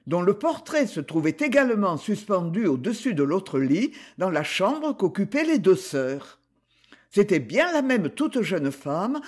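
A man narrating a novel aloud as an audiobook reader, in a measured, expressive way. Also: high voice. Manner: slow, expressive reading.

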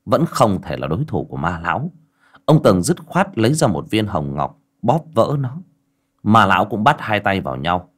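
A man narrating an audiobook, addressing listeners directly in a conversational way. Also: low voice.

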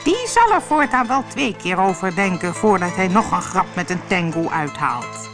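A woman's voice: lowish voice, big pitch swings, moderate pace, music in the background. A woman voicing a smug grinning goblin spirit. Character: mischievous Japanese long-nosed goblin spirit, male.

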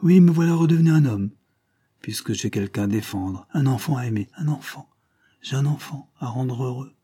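A man voicing an old male tramp who speaks in a halting, emotional way in an audiobook. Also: medium pitch, warm tone, husky, close to an everyday voice. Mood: moved.

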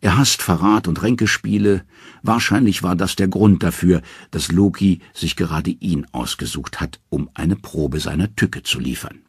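A male audiobook narrator telling a myth with dramatic expression. His voice is very deep and strongly husky, and the recording is close and dry. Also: normal speed, no echo. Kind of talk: scripted storytelling narration.

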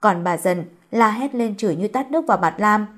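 Brief: female audiobook narrator, even, plain storytelling read. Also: medium pitch, a little fast.

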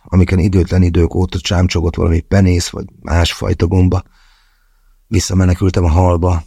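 A man's voice: low voice, gravelly, warm tone, breathy edge, dry recording, clean studio sound. A man narrating a first-person novel as an audiobook, wry and conversational in his storytelling.

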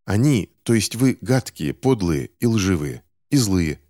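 A man's voice: low voice, big pitch swings, measured pace, dark tone, no room sound, clean studio sound. A man reading an audiobook, voicing a young boy who is angry and distrustful of adults and speaks in a heated, accusing way. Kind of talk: audiobook character voice.

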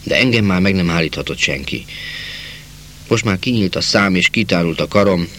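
A man narrating a literary novel in a measured reading voice, slowing down for quiet passages. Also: sits low, lively intonation. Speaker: audiobook narrator.

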